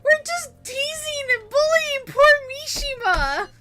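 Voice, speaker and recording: A woman streaming a game, reading dialogue aloud and commenting casually in an animated, expressive way. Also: very high-pitched, slow. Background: game music.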